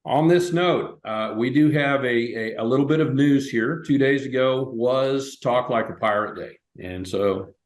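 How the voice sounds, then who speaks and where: A man's voice: mid-range voice, a little slow, few pauses. A man hosting a webinar, talking casually through his slides with plenty of fillers and restarts. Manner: relaxed, loose, with frequent fillers and restarts. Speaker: webinar host. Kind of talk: casual presentation over slides. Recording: echoey room.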